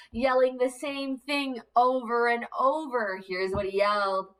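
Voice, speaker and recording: A woman's voice: on the high side, poor audio. A woman teacher reading a picture book aloud to young children, coaxing them with questions.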